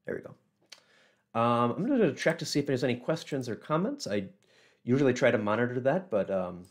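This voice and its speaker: Hoarse and scratchy from a cold, a man in his thirties hosts a casual local history livestream from a small office over a webcam mic. His mid-range voice is very animated at a moderate pace, and he rambles with many ums and restarts.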